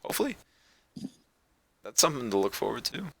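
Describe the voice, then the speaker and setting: A man's voice: medium pitch, sing-song, a little fast, gravelly, a bit bright, no echo. A man hosting a casual podcast, rambling loosely through his thoughts and turning upbeat when he plugs the show. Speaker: podcast host. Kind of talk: casual chat.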